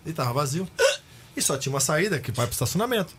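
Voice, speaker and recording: Middle-aged são guy, rattling off old locker room stories quick, acts out the shouting bits, faint room hiss. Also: a little high. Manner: animated, acts out shouted quotes, laughs while telling. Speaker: guest, former goalkeeper. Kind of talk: casual storytelling chat. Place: podcast studio.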